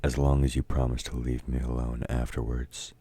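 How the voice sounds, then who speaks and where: In a scripted, intimate audio roleplay, an actor voices a domineering male villain who taunts and mocks a meek listener, a grudging temporary ally of the heroes. His very deep, dark, husky voice sounds gruff and commanding, with a mocking, dismissive mood. The delivery stays level at normal speed, and the recording is dry.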